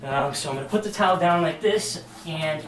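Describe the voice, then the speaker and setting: A man walks through workout exercises like a casual fitness instructor, with lots of ums and a slightly out-of-breath sound. His voice sits a bit high. The camera mic is some way off, so the room echoes around him. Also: a little fast, recorded from a distance, slight background noise. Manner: casual, demonstrating moves with many ums. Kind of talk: workout demonstration.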